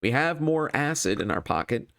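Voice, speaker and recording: A man's voice: medium pitch, very animated, normal speed, gravelly, a bit bright. A man thinking aloud as he hosts a solo card game playthrough, casual and wryly self-deprecating.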